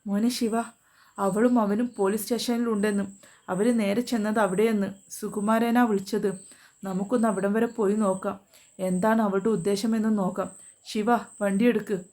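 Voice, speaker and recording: A woman's voice: medium pitch, fairly even intonation, normal speed, warm tone, natural voice. A woman voicing a stern, angry father who accuses his daughter. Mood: grave. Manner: grave, accusing.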